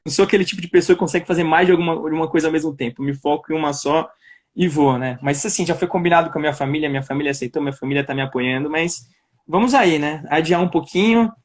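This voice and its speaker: A man's voice: fairly high pitch, very fast. A young man with a São Paulo accent, a guest chatting casually in a live-stream interview over a video call, laughing often and trailing off into restarts. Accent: Paulistano Brazilian Portuguese. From Brazil, São Paulo. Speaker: guest, political pre-candidate.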